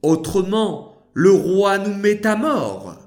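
A man voicing a young queen in a children's story, speaking in a high, pleading tone that turns commanding. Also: expressive, slow. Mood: frightened. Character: young queen, frightened then resolute.

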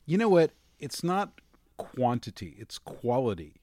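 A man's voice: mid-range voice, very animated, measured pace, warm tone, no room sound, studio quality. A man hosting a casual podcast, talking in a wry, easygoing way with some hesitation. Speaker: podcast host.

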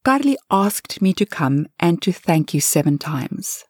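A friendly, chatty storybook woman talks to her neighbours, as a woman reads her part. She speaks slowly in a soft, low-leaning voice, with a dry close sound. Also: big pitch swings, breathy edge, no echo, heavily acted. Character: cheerful chatty woman, the writer's sister.

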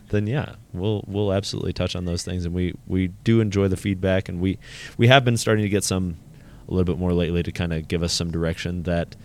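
A man's voice: sits low, fairly quick, a little mellow. A man co-hosting a personal finance podcast, chatting casually with jokes and rambling restarts. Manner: joking, self-deprecating, rambling with restarts. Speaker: podcast co-host. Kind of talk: casual chat.

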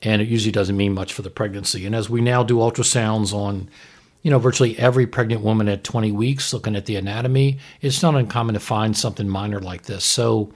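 A man with a lowish, fairly even voice speaks at a quick pace while hosting a casual podcast. A fetal surgeon by profession, he reviews a TV episode, explaining medical points conversationally and asking "right?" along the way.

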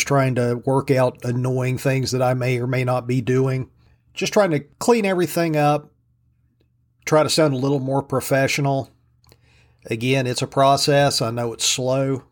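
A man speaks in a mid-pitched voice with an Appalachian hillbilly drawl. He talks casually as a solo podcast host, humble and self-deprecating in how he addresses listeners. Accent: Southern US hillbilly drawl, Appalachian-like.

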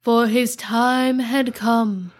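Mock-epic fantasy narrator, female podcaster acting, grave, mystical and hushed. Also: a little high, steady tone, extremely slow. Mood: solemn, portentous.

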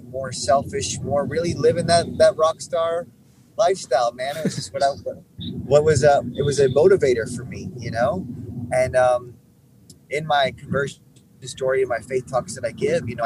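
A young man telling his faith story in relaxed conversation, rambling with many restarts. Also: medium pitch. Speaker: guest musician. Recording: background noise.

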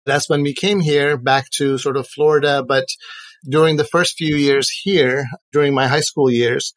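A man in his forties from Iran, a podcast guest and educator, answering in an earnest, measured way and linking his thoughts with "and so". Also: mid-range voice, no room sound. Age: 40s. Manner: earnest, measured, links ideas with "and so". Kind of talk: reflective interview answers.

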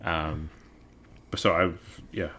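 Young male podcast host, very low voice, chatty and rambling. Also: very slow, breathy edge. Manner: animated, rambling with many likes, gets loud when emphatic. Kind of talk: casual chat.

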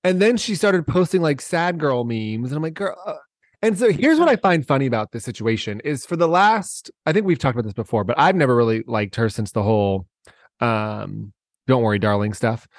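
A man's voice: mid-range voice, animated, fairly quick, no echo, clean studio sound. Catty gossiping man who says like constantly. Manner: peppers speech with "like". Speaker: co-host. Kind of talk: casual gossip chat about reality TV.

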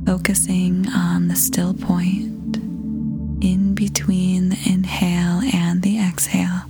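A woman guides a meditation in a soft, breathy near-whisper, very slow and even in pitch. Her scripted narration is gentle and soothing, measured with long pauses, with music playing behind her.

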